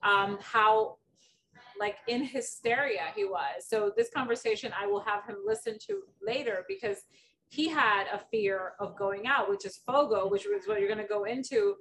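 A woman's voice: mid-range voice, normal speed, a bit bright. A middle-aged woman from the Dominican Republic hosting a casual interview, chatty and full of stories, often using fillers. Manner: chatty, storytelling, many fillers. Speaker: podcast host. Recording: distant mic with faint background noise.

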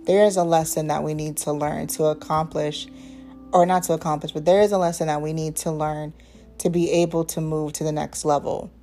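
A woman in her twenties hosting a casual faith-based podcast, talking in a relaxed, rambling way with many ums and asides. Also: deep voice, fairly quick, soft background music. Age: 20s. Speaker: podcast host.

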